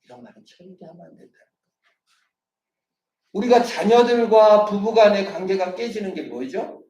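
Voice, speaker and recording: A man preaching a Sunday sermon as pastor, animated and acting out quarrels in different voices. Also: sits high, moderate pace. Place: church sanctuary. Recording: roomy church sound, distant mic.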